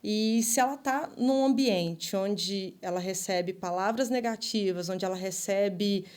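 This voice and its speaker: A woman's voice: mid-range voice, measured pace, darkish tone, smooth. Chatty mother acting out family talk. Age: adult mother. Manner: acts out quoted voices of parents and children. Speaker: podcast guest, ministry leader. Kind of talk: casual podcast conversation.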